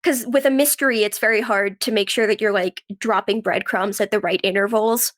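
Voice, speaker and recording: Speaking briskly in a steady, medium-pitched, slightly bright voice, a writer and actress chats as a guest on a podcast. The casual interview has her reflecting informally and explaining through anecdotes.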